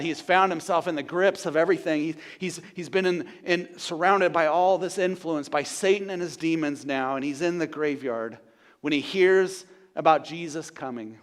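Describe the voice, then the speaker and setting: High-voiced man preaching a sermon. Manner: builds to loud repeated declarations, then drops to a hushed, slow delivery. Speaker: pastor. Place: church sanctuary.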